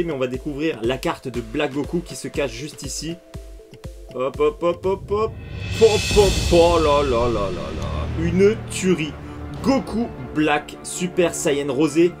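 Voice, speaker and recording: A man with a slightly raised pitch chats through a card unboxing, casual and excitable. He bursts into eager exclamations as each card appears, while soft music plays faintly underneath. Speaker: card collecting YouTuber.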